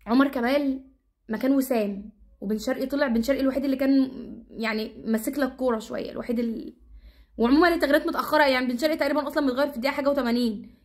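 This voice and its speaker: A woman with an Egyptian Arabic accent giving exasperated, repetitive football commentary in a casual rant. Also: high-pitched. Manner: exasperated, repetitive, rapid-fire ranting.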